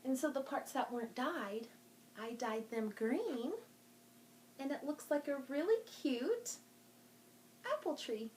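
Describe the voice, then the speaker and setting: Speaking slowly with frequent pauses, a storytime host uses a high, expressive, darkish voice to address young children. She's a children's librarian running a virtual craft and show-and-tell session, sing-song and encouraging as she shows and explains items, with a little hiss or hum in the audio.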